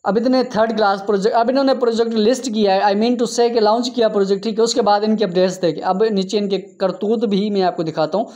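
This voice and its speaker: A man hosting a crypto app channel, narrating over a screen share in an exasperated, scolding tone, often tagging his sentences with a quick "okay". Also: high voice, steady tone, a little mellow. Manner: exasperated, scolding, tags lines with 'theek hai'. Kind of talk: screen-share commentary rant.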